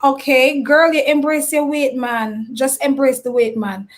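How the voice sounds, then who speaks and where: A woman hosting a casual live stream interview, animated as she greets viewers and reads out their comments. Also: high voice, measured pace.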